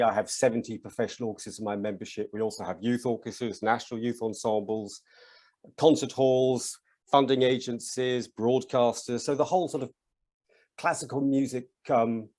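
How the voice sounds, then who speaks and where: A man's voice: mid-range voice, fairly even intonation, a little fast, a little mellow. A British man speaking on a conference panel as the leader of an orchestra association, telling stories in a chatty way with frequent ums and restarts. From United Kingdom.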